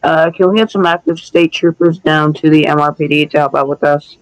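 A man's voice: fairly high pitch, steady tone, brisk, low-quality recording. A man role-playing police radio dispatcher chatter in an online game, speaking in clipped radio codes. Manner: clipped radio-code phrasing.

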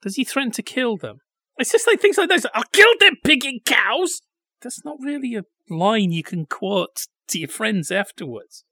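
Animated, high-voiced man. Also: no echo, clean studio sound. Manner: sardonic, animated, does quick silly voices. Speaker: podcast co-host. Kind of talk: casual film review chat.

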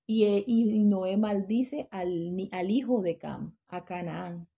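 A woman teaches scripture in a relaxed, conversational way, pausing to check that her listeners follow and often restarting her sentences. Her voice has a gravelly fry to it, and the recording sounds dull and lo-fi. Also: mid-range voice. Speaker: Bible teacher.

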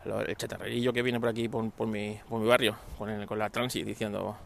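A man's voice: on the low side, little pitch movement, brisk, gravelly, slight background noise. Rambling joking man podcasting outdoors. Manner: joking, rambling, many restarts. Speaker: podcast host. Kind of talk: casual podcast monologue. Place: outdoors on a street.

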